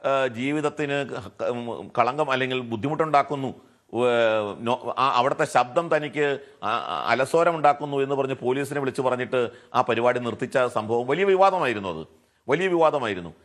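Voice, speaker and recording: A Malayali-accented man argues his case on a television debate panel, frequently throwing out rhetorical questions. His voice is medium-pitched and a bit bright, at a moderate pace.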